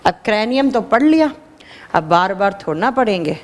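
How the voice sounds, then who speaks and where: A woman teacher giving an animated classroom lecture, quizzing her students and answering her own questions. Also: mid-range voice, normal speed, long reverb tail. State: dry throat.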